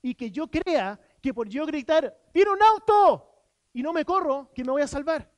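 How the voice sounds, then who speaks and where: In a church, a pastor with a Chilean Spanish accent preaches an earnest sermon, posing rhetorical questions and voicing objections he imagines his listeners might raise. His voice is very high and animated, at a moderate pace, with no echo.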